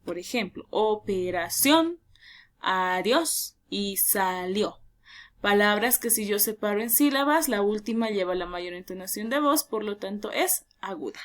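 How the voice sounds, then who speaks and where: A woman teacher giving a lesson, explaining clearly and drawing out key words slowly for emphasis. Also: mid-range voice, fairly bright tone.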